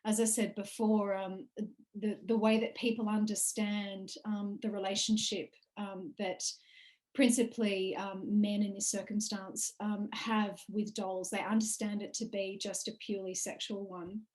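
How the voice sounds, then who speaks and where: A woman's voice: mid-range voice, flat delivery, unhurried, a little mellow. A woman researcher speaking on an online panel over a video call while recovering from flu, earnest and full of ums.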